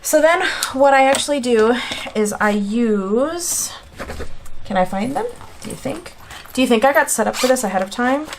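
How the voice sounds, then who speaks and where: A woman's voice: a little high, lively intonation, normal speed, background noise. A woman chatting casually as she sets up a planner on video, counting aloud and laughing at her own slips. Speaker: planner vlogger. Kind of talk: casual chat while drawing a planner layout.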